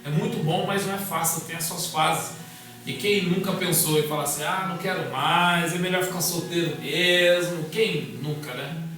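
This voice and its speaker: A man's voice: fairly high pitch, moderate pace. A man, a guest pastor telling a personal testimony in casual conversation, acting out the dialogue as he goes. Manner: animated storyteller acting out dialogue. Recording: echoey room, distant mic, music underneath.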